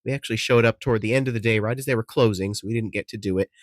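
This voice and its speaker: Relaxed, chatty male travel vlogger. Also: fairly low pitch, racing, no echo. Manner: relaxed, chatty, easily impressed. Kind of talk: casual travel vlog narration. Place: desert campsite and caves outdoors.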